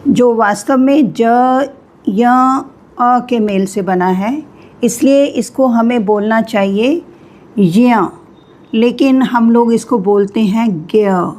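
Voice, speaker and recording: Very slow-paced woman teaching spelling. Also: fairly high pitch, warm tone. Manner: slow, deliberate, spells out sounds with pauses. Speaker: Hindi teacher.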